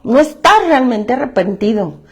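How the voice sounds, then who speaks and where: A woman's voice: on the high side, sing-song, moderate pace, breathy edge. Blunt, slangy Mexican woman speaker. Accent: Mexican Spanish. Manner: blunt, slangy and emphatic, swears freely; repeats phrases for emphasis. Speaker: self-help group speaker. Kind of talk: candid testimony talk.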